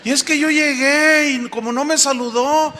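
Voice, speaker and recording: A man voicing a fretful middle-aged church woman who rushes through pleading explanations. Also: very high-pitched, steady tone, pushed and bright, pitched above the performer's own voice. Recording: echoey hall.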